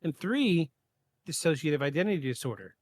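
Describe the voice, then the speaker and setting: A man hosting a podcast, reading a prepared script in a measured way, with occasional stumbles and quick asides. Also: a little high, lively intonation. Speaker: podcast host. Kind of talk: scripted narration of a paranormal case.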